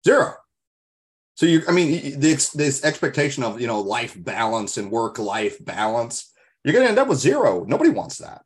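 A man's voice: mid-range voice, big pitch swings, normal speed. A man co-hosting a podcast in casual discussion, talking in an earnest, reflective way, with emphatic rhetorical questions and stories. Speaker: podcast co-host.

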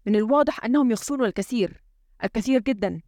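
Woman doing a stressed out president guy, bossy and fast, dry close sound. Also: on the high side, mellow, no echo, close to an everyday voice. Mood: tense. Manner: urgent, commanding. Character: tense, frustrated male head of state.

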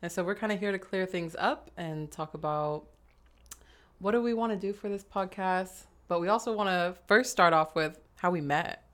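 A woman's voice: on the low side, moderate pace, fairly bright tone. A young woman with an American accent co-hosting a podcast in casual, slangy, informal chat. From San Francisco Bay Area, USA. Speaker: podcast co-host.

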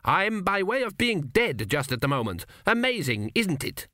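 A man voicing a newly dead king who grumbles and frets, raised well above his own pitch. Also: very animated, moderate pace, fairly bright tone, no room sound. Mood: agitated, snappy. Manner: querulous, grumbling. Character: fretful newly dead male king, indignant.

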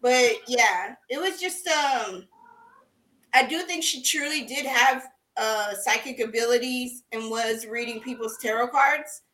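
A woman's voice: on the high side, unhurried, sharp tone, far from the mic. A woman co-hosting a casual podcast chat, swearing freely and laughing often as she tells a story. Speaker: podcast co-host. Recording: roomy echo.

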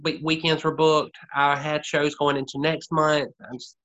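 Female comic, Southern American accent, deep register, conversational, slightly muffled lo-fi sound. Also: little pitch movement, moderate pace, fairly bright tone. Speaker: comedian. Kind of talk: casual chat.

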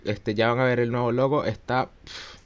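A man's voice: medium pitch, steady tone, moderate pace, highs cut off. A man co-hosts a podcast in a loose, casual chat. He speaks with a mixed Chilean and Mexican accent. He jokes and rambles, with plenty of fillers and restarts. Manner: joking, rambling with many fillers. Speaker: podcast co-host.

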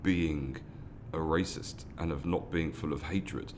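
The speaker is a man in his 30s from London, England, who founded a foundation and answers interview questions with earnest sincerity, often restarting and repeating words. His bass voice is darkish, fairly even in intonation, and a little slow, with slight background noise.

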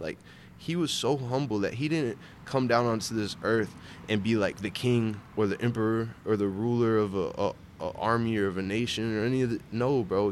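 Young adult male, slightly low register, slangy and sincere faith talk, recorded outside over light traffic noise. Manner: earnest, slangy, addressing listeners as bro. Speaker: barber sharing his faith. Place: outdoors at a park bench. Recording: outdoor urban vehicle noise.

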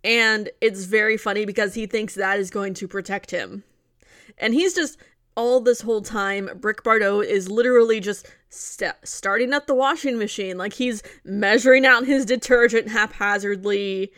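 A woman co-hosting a podcast, recapping a movie plot in casual chat with wry, deadpan asides. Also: mid-range voice, moderate pace, dry recording, clean studio sound. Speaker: podcast co-host.

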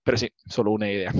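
A man speaking learner's Spanish, halting and searching for words, mixing in terms as he explains ideas informally. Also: medium pitch, no room sound. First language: not a native Spanish speaker, learning it. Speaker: startup founder on a panel. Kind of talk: informal spoken pitch in hesitant Spanish. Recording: dull lo-fi audio, close and dry.

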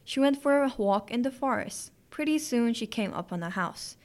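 A woman narrating classic fairy tales as a podcast host, in a clear, gentle storytelling manner. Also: on the high side, expressive, moderate pace.

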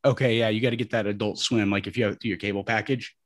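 A man's voice: fairly low pitch, steady tone, rapid-fire. A man co-hosting a podcast, chatting casually and cursing freely. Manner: easygoing, profane, a bit rambling. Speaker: podcast co-host. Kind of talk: casual chat.

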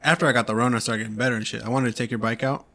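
A man's voice: mid-range voice, fairly even intonation, very fast, gravelly, fairly bright tone. A man on a casual podcast chatting in slang with laid-back interjections. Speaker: podcast co-host. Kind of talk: casual chat.

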